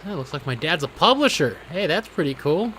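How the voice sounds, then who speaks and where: A man in his late twenties giving casual let's-play commentary, musing quietly and sometimes bursting out excitedly. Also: a little high, fairly quick, a little hiss or hum. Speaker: gaming video host.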